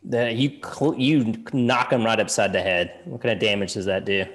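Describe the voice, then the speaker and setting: A man's voice: lowish voice, fairly even intonation, normal speed, soft background music. A man running a tabletop game as game master, narrating in a loose, hedging way and laughing often.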